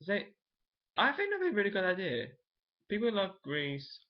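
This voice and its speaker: A man's voice: high-pitched, wildly swooping pitch, moderate pace. A young man chatting casually to camera in a vlog, rambling and thinking aloud with frequent restarts. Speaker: vlogger. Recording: dull lo-fi home recording.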